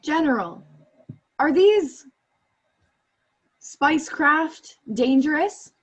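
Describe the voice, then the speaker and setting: A woman's voice: sits high, animated, drawn-out words, full character voice, low-quality recording. A young woman playing an earnest, improvising radio field reporter in a comedic radio play. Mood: probing. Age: young adult. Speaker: student actor. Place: small bedroom at home. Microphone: laptop on a video call.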